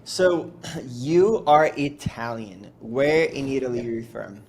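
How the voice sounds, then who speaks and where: A man's voice: medium pitch, animated, slow, a little mellow, slight background noise. A man hosting a podcast, giving a polished intro and asking interview questions in an upbeat way. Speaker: podcast host.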